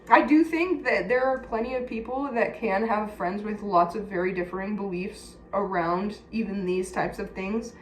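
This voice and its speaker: A personal vlogger from California, United States, speaks casually and candidly to her viewers in a fairly high, slightly bright voice, with a Californian accent. She's confiding and blunt. The room is echoey, with faint background noise.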